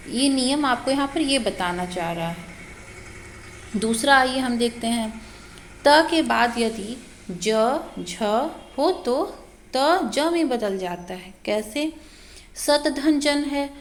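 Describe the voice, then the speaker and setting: Slow, patient woman teaching grammar. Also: high-pitched. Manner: slow, patient, asks and answers own questions; frequent check-ins of "ठीक है". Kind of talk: exam prep grammar lesson.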